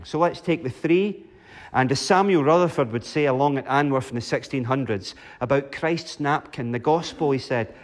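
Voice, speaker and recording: A man preaching a sermon with dramatic pauses, rhetorical questions and wide swings in pitch and volume. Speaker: pastor. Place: church. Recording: long church reverb.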